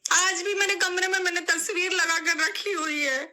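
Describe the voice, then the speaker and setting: Young woman vlogging, high voice, teary and pleading, keeps repeating herself. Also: steady tone, normal speed, bright, forceful tone. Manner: pleading, repeats her phrases, voice breaking into tears. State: tearful. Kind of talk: emotional vlog statement to camera.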